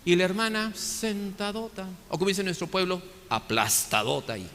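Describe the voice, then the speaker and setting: A priest giving a lively sermon, acting out the biblical figures as he tells their story. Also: high voice, moderate pace, faint music behind. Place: church. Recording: echoey church hall.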